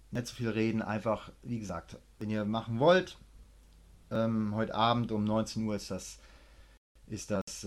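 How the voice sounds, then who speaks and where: A man who coaches martial arts, telling a story casually in a podcast interview, acting out both sides and swearing freely. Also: on the low side. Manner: gets loud when worked up.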